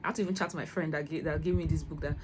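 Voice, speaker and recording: A woman's voice: deep voice, fairly even intonation, very fast, slight background noise, low-quality recording. A young woman chatting casually about books she read, laughing often and trailing off mid-sentence before starting again. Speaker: book vlogger. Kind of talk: casual book review chat.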